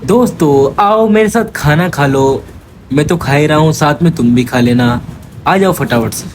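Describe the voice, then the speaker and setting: A man's voice: on the high side, moderate pace, slight background noise, poor audio. A young man talking casually to camera in a vlog, chatting to viewers and calling them guys and brother. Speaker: vlogger. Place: outdoors and indoors, around his coaching centre and home.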